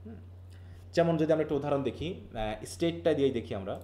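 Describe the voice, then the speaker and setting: A man's voice: fairly high pitch, fast talker, warm tone, a little hiss or hum. A man from Bangladesh teaches linguistics in a live online class. He explains patiently, mixes in English terms, and keeps asking his students questions.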